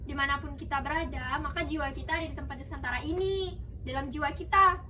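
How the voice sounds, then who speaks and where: A woman's voice: high voice, fast, close to an everyday voice. A woman playing a proud old mother who once fought for independence, speaking in an earnest, declaiming way in a student stage play recorded from afar. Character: old woman freedom fighter, proud and calming. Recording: distant mic with steady background noise.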